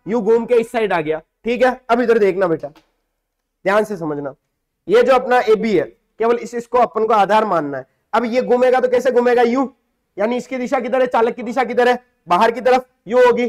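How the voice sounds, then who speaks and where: His voice is high-pitched as he teaches a physics lesson to a class, calling students "beta" while he explains each step and raises and answers his own questions.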